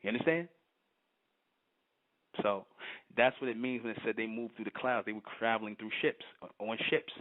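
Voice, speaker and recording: A man's voice: lowish voice, normal speed, long pauses. A man giving an impassioned spiritual monologue, working himself up and repeating "you understand?". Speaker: channel host giving a spiritual talk. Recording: tinny phone-like audio.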